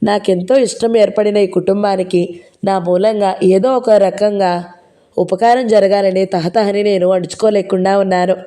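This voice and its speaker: Brief: woman with a Telugu accent, audiobook narrator, mellow warm tone, steady first-person reading. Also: mid-range voice.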